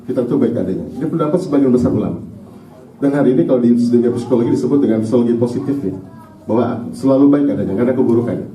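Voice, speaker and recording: A man's voice: mid-range voice, very fast, mellow, a little hiss or hum. A man with an Indonesian accent giving a conversational Islamic parenting lecture to parents in a mosque, often checking in with the audience. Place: mosque hall. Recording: echoey hall, recorded from a distance.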